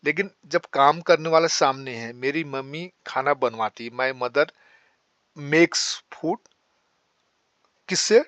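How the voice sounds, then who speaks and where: A man teaching spoken English, explaining in Hindi and saying English sentences slowly. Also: fairly high pitch, a bit bright, no room sound, highs cut off.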